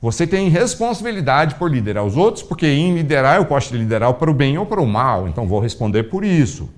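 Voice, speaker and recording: A man preaching a sermon as a pastor, telling a story with animated, acted-out dialogue. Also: quick pace. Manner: animated storytelling, acting out dialogue with big pitch swings.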